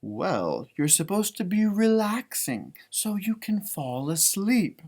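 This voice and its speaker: A tired storybook papa chicken, as a man reads him, patient but gently chiding. He speaks slowly, with sighs and an expressive rise and fall. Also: high voice, full character voice. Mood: weary chiding. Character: weary, patient father chicken putting his child to bed.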